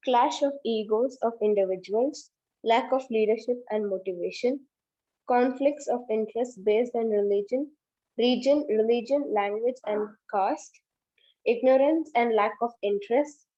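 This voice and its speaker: A woman's voice: on the high side, normal speed, warm tone. A woman student reading lesson points aloud in class. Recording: dull lo-fi recording.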